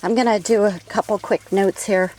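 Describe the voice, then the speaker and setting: A woman's voice: mid-range voice, steady tone, moderate pace, darkish tone, slight background noise, rough recording. A woman in her garden, slightly out of breath, giving chatty practical gardening tips with frequent fillers. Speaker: gardening vlogger. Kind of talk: casual outdoor garden tips. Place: outdoor garden.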